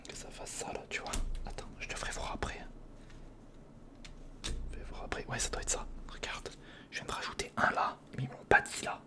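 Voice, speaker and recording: In a breathy whisper, a man who makes ASMR videos narrates his building project informally, speaking a little fast. He seems to mutter partly to himself and partly to whoever is watching.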